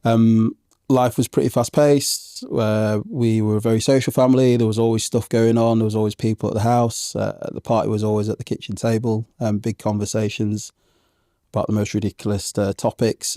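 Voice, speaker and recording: Recorded with studio quality and no room sound, a man in his thirties talks reflectively as a podcast guest in a conversational interview, with many ums and restarts. His parents are Zambian and he grew up in England from age one. His fairly low, mellow voice moves at normal speed with flat delivery.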